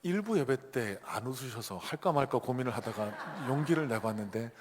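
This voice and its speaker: A man's voice: medium pitch, lively intonation, normal speed, crowd noise. A man preaching a sermon as a pastor, telling stories with animation and rising to emphatic peaks. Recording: echoey church hall.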